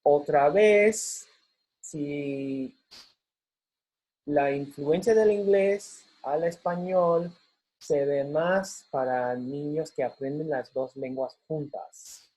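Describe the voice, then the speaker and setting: Male instructor, husky, mellow tone, unhurried recorded lecture. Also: a little high, rough recording. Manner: slow, explanatory, switching between English and Spanish, frequent fillers. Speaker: university instructor.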